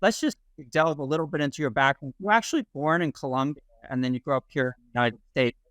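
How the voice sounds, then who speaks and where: A male podcast host with a smooth, resonant voice opens the show and puts questions to his guest. He sometimes stumbles and repeats words. The sound is dry and close. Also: fairly high pitch, fairly bright tone, no room sound. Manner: scripted intro, then halting questions with repeated words. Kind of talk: podcast interview hosting.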